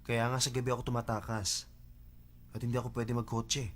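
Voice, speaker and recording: A man's voice: medium pitch, flat delivery, brisk, natural voice. A man dubbing a brash rich young man. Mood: complaining. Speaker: dub actor. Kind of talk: Tagalog drama dub. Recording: dub with faint music underneath.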